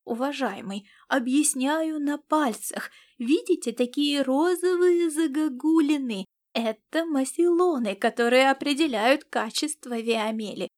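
A woman voicing a tall, picky male spy and gourmet who loudly protests and scolds. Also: sits high, moderate pace, few pauses, lightly acted. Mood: indignant. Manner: indignant, loud outbursts.

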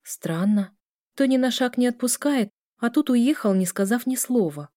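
A woman voicing a tired, gentle young pregnant student who complains plaintively. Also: fairly high pitch, expressive, moderate pace, no room sound, studio quality, pitched above the performer's own voice, lightly acted. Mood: weary. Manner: weary, plaintive.

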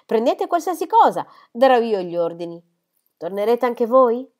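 A woman's voice: a little high, very animated, normal speed, darkish tone, pitched above the performer's own voice. Woman reading as a grieving old squire. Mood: urgent. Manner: emotional, outbursts of grief and anger. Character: grieving elderly country squire, impulsive and proud.

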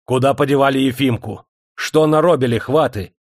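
A man reading an audiobook voices a pompous, fat factory manager who shouts threats. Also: medium pitch, normal speed, dry recording, studio quality, pitched above the performer's own voice, close to an everyday voice. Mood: furious threatening.

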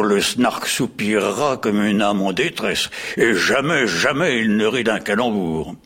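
A blustering sea captain. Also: male voice, mid-range voice, fairly bright tone. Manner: declaiming, emphatic, slow. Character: blustering ship captain with a bell, impatient. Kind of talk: French radio drama.

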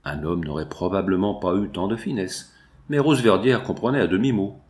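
A man reading a classic novel aloud in a measured, expressive way. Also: sits low. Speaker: audiobook narrator. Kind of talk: scripted narration.

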